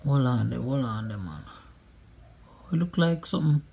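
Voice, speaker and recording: A Jamaican man gives a casual, humorous commentary in a husky voice with plenty of creak. He speaks in Patois slang and repeats short phrases to drive them home. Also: mid-range voice, animated, moderate pace, mellow. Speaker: friend doing a makeup voice-over.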